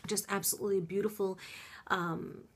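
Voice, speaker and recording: A middle-aged woman vlogger with a husky, medium-pitched voice talks at a moderate pace with fairly even intonation. Congested, she chats casually to camera through her favorite beauty products, gushing a lot and dropping little ums.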